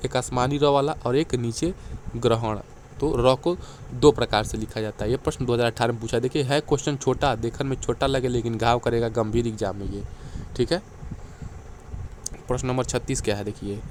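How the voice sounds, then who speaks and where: A man teaching an exam-prep lecture at a quick pace, often checking in with "theek hai" and reciting lists of letters. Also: mid-range voice, slight background noise. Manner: brisk, repeats "ठीक है" and "देखिए", recites letter lists.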